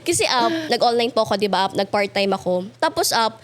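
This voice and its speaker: A young woman with a high, bright-sounding voice, chatting as a guest in an interview. She laughs easily and jumps up even higher when she imitates other people. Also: fairly quick. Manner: laughs often, mimics her parents in a high voice. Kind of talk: casual interview chat.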